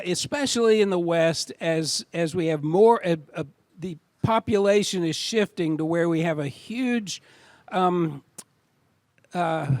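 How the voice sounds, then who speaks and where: High-voiced man introducing a student. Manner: hesitant, self-correcting. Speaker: teacher introducing a thesis defense. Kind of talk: reading acknowledgments aloud.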